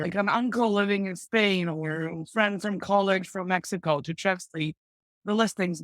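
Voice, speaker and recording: A medium-pitched woman, heard with no echo, chats eagerly as a podcast guest about practical ways to run an e-commerce business. Her casual, advice-giving interview talk is peppered with "like" fillers.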